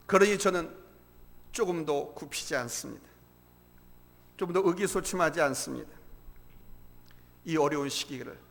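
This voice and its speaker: Impassioned high-voiced male pastor preaching. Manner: impassioned, swings between hushed and loud. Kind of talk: sermon. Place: church sanctuary. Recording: long church hall reverb.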